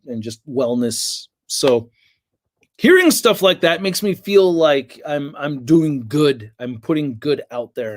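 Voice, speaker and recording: A man's voice: medium pitch, a little mellow, no room sound. A man in his late thirties hosting a casual toy livestream, tired and yawning, rambling with crude jokes and lots of fillers. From United States. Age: late 30s. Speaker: toy reviewer and livestream host.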